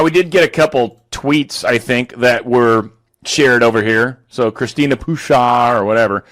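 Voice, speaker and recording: Sarcastic man riffing on headlines. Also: medium pitch. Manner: sarcastic, reads quotes aloud and riffs on them. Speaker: political commentary host. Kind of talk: casual political commentary, reading headlines.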